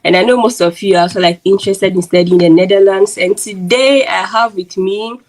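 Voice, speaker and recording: This chatty YouTube host from Ghana fills her casual interview talk with lots of "like." Her medium-pitched, darkish voice stays fairly even and moves along quickly, though the recording is poor.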